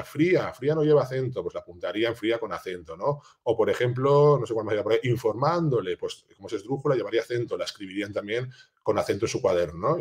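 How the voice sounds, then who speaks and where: A man's voice: lowish voice, husky. A man, a teacher explaining a classroom project in an informal way, with many fillers and restarts. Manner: restarts and repeats words while thinking aloud.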